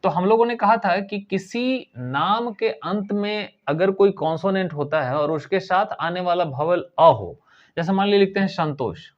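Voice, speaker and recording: A man's voice: sits high, animated, normal speed. A man teaching English grammar in a recorded lesson, explaining patiently and repeating key points. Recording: dull lo-fi recording.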